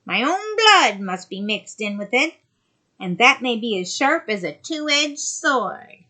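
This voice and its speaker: A woman voicing a cruel, mocking old female sea witch in a storybook reading, loud, high and gloating. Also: very animated, slow pace, full character voice.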